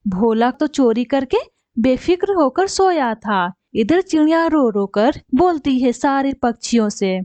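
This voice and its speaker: A woman's voice: high-pitched, expressive, measured pace, dark tone, dry recording. A woman narrating a cartoon story in a plain, explanatory manner.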